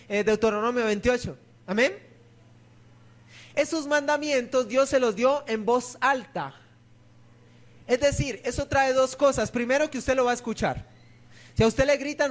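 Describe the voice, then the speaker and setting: Preaching a sermon to his church, a pastor with a strikingly high voice keeps asking the congregation questions and then answering them himself. He speaks at a moderate pace with long pauses.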